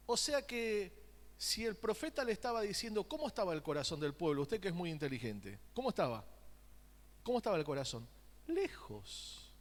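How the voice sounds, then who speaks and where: A man's voice: high voice, in a large hall. A man preaching a sermon, asking the congregation questions and making joking asides. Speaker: pastor. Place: church sanctuary.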